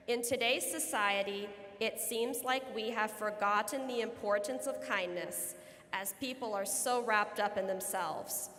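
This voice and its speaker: A woman's voice: medium pitch, fairly bright tone. A young woman in her late teens giving an earnest, prepared podium speech as a student at graduation. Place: large indoor room at a graduation ceremony. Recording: long hall reverb.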